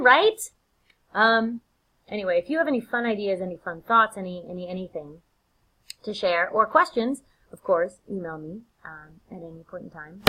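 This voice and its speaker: A woman's voice: medium pitch, lo-fi sound. A woman teacher giving a recorded lecture in a casual, chatty way, with many fillers and restarts. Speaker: literature teacher.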